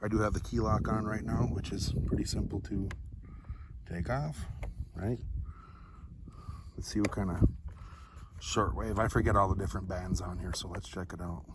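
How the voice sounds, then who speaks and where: In an unscripted, casual product review, a man with a fairly low voice walks viewers through the item. His folksy, laid-back talk rambles along at a moderate pace with a steady tone and frequent pauses, and noticeable background noise, like a vehicle's, runs through the recording.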